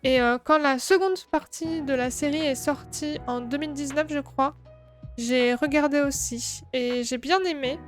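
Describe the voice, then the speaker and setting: A woman's voice: sits high, steady tone, a little slow, faint music behind. A woman in her twenties, a streamer, chatting casually and laughing often as she answers chat while painting at her craft table. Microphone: streaming microphone.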